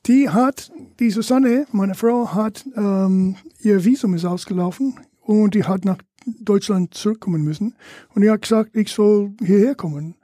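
Older American man, halting German. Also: high voice, warm tone, no room sound, studio quality. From Louisiana, USA. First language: English. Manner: halting, searching for German words, laughs often. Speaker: guest. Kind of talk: casual interview chat.

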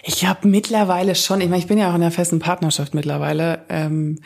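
Husky-voiced young woman, bashful. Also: on the low side, flat delivery, fast, a little mellow. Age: late 20s. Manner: bashful, laughs easily. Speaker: podcast co-host. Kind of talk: frank casual conversation.

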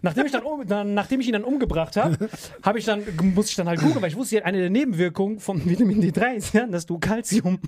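Schnell erzählender Mann mit viel Slang. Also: male voice, high-pitched, fast talker. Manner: animated storyteller with slang. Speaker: podcast host. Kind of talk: casual podcast chat.

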